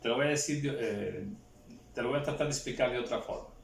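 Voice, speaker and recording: A man preaching a Bible teaching, asking and answering his own questions, halting with fillers. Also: mid-range voice, vocal fry, slight background noise. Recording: roomy echo, far from mic, faint ambience.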